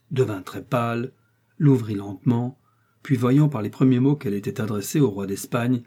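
A man narrating a classic novel as an audiobook in a measured storytelling manner. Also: on the low side, dark tone, slightly rough.

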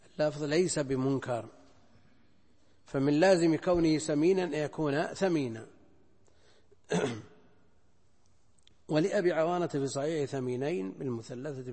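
An older man, a scholar, explaining a hadith text in a lecture. He speaks deliberately, repeating phrases and weighing options aloud. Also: fairly high pitch, a little mellow, husky. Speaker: Islamic scholar teaching hadith. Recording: lecture hall with long reverb.

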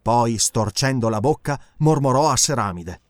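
A male audiobook narrator telling an adventure story with lively, animated delivery. His pitch sits in the middle and rises and falls widely to build the action. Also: moderate pace, dry recording, clean studio sound.

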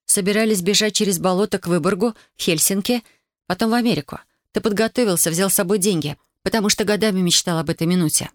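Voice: medium pitch, quick pace, dry recording, close to an everyday voice. A reader voicing a young Soviet wife, emotional and pleading, in a dry audiobook recording. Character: young tearful Soviet wife, loving yet wounded.

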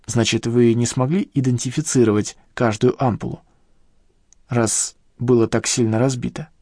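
A man's voice: medium pitch, fairly even intonation, moderate pace, darkish tone, no echo, studio quality, natural voice. A man reading the lines of a persistent young woman scientist in an audiobook, with a pressing, questioning manner. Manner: pressing, questioning, near the reader's own voice.

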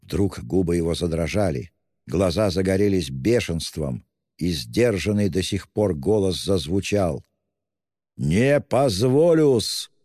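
A man narrating a literary audiobook in a measured, dramatic reading. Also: low voice, dark tone, breathy edge, no echo, studio quality, big-room sound.

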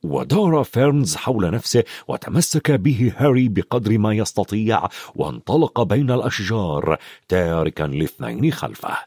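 A man narrating a fantasy audiobook in a dramatic, expressive way. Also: on the low side, moderate pace, husky, dry recording, clean studio sound.

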